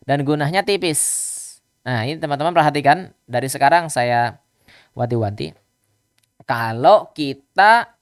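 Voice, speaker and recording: A man teaching Quran recitation rules in a live online lesson, patiently repeating examples and chanting verses slowly. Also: on the high side, smooth, dry recording, studio quality.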